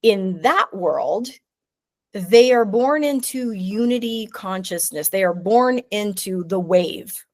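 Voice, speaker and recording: A middle-aged woman talking as a podcast guest in casual conversation, animated and quick to act out little voices. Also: medium pitch. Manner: animated, acts out voices in anecdotes, swears casually. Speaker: guest, neurosculpting teacher.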